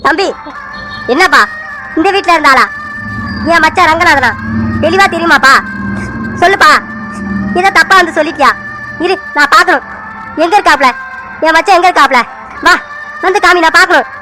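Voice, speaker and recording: A woman's voice: very high-pitched, moderate pace, pauses often, music in the background, low-quality recording. A woman voicing an insistent, agitated middle-aged village man in a cartoon who refuses to believe bad news.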